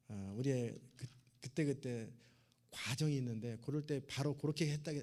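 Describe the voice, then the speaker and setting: Gravelly-voiced man preaching conversationally. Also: mid-range voice, a little mellow. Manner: conversational preaching, acting out little dialogues. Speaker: pastor. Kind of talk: sermon.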